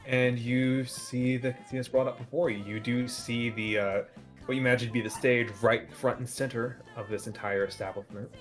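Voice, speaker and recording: A man's voice: mid-range voice, normal speed. A man narrates a tabletop game as its game master, painting the scene at an easy pace with frequent fillers. Faint music plays behind him. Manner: relaxed, descriptive, frequent fillers.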